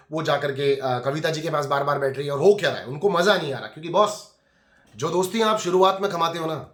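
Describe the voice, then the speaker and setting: A rapid-fire male reviewer in a chatty commentary vlog with a slightly high voice, talking straight at the contestants as if scolding them. His voice rings in an echoey room. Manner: chatty, scolds people on the show directly. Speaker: reality TV reviewer.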